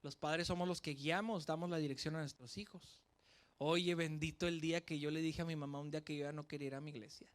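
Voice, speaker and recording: A man from Mexico with a Mexican accent, preaching a sermon as pastor with lively shifts between loud and soft. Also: a little high, quick pace.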